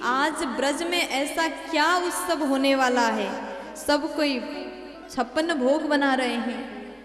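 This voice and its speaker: A woman's voice: high-pitched, takes it slowly. A woman preacher voicing a curious little boy questioning his parents in a devotional story. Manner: pleading, inquisitive. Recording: echoey hall with faint music.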